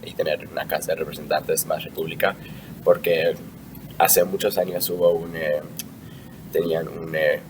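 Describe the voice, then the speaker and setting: A man's voice: extremely low pitch, little pitch movement, moderate pace. A young man from Argentina answering interview questions in a casual, hesitant way, with frequent fillers and restarts. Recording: distant mic with clear background noise.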